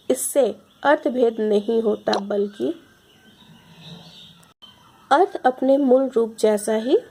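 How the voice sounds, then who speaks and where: A woman teacher explaining a Hindi grammar lesson slowly, repeating each example with care. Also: fairly high pitch, warm tone, breathy edge. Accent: Indian Hindi. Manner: slow, deliberate, repeats examples. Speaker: school teacher.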